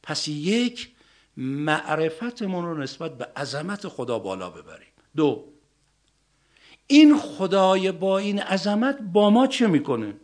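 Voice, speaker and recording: A man preaching a sermon, stressing points with loud rises, then dropping soft and slowing down on key ideas. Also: a little high, big pitch swings. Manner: emphatic, swings between loud rising stresses and soft drops.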